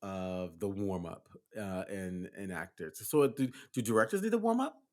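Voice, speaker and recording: A man's voice: low-pitched, animated, moderate pace. A man in his fifties co-hosting a podcast, playful and joking, laughing often and stumbling over words. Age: 50s. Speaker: podcast co-host. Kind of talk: casual chat.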